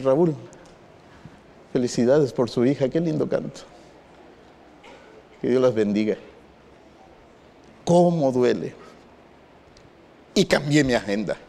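A man, a pastor preaching a sermon and telling an animated personal story. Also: mid-range voice, slow, vocal fry, pauses often. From northwestern Mexico. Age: 50s. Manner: animated storyteller acting out quotes. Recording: long reverb in a hall.

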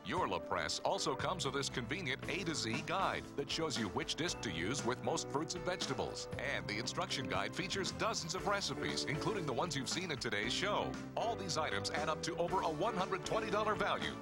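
A man delivering a scripted, urgent sales pitch in the manner of a home shopping host. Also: very animated, brisk, few pauses. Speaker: infomercial announcer. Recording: loud music bed under voice. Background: music.

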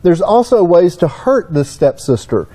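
Middle-aged Southern US man, folksy technical explainer; high-pitched, mellow tone. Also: very animated, normal speed, husky. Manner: folksy, storytelling. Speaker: engine consultant.

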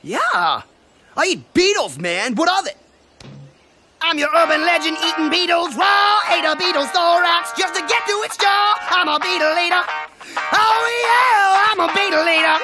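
A woman's voice: high-pitched, very animated, moderate pace, loud music behind the voice. A woman voicing a brash, boastful teenage boy who talks in slang and raps. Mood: hyped.

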